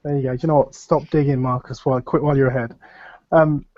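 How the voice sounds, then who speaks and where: A man of medium pitch appears as a panel guest on a casual video call, his voice nasal from a cold. He talks quickly with fairly even intonation, rambling and hesitating with lots of fillers, and his computer microphone yields dull, dry audio.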